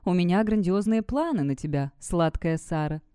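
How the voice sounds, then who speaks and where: A woman's voice: on the low side, animated, moderate pace, warm tone, clear, resonant tone, dry recording, clean studio sound, lightly acted. A woman voicing a cruel, sneering male vampire master in an audiobook. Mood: gloating. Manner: taunting, sneering.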